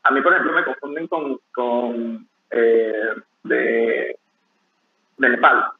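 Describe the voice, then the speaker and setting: A young man, a barista, talking casually in an interview, relaxed and rambling with many restarts. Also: medium pitch, takes it slowly, gravelly, slight background noise. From Venezuela. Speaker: barista guest. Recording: tinny phone-like call audio.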